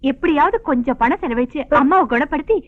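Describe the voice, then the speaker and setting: An actress playing an eager, scheming young wife in a Tamil film comedy, chiding and lively. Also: female voice, high voice, fast talker, heavy background noise. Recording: dull old film audio.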